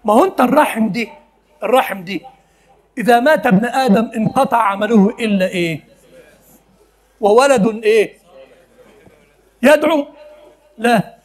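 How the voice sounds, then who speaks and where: A man's voice: very high-pitched, normal speed, pauses often. A male preacher with an Egyptian accent giving a conversational sermon, often asking his listeners questions and laughing as he talks. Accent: Egyptian Arabic.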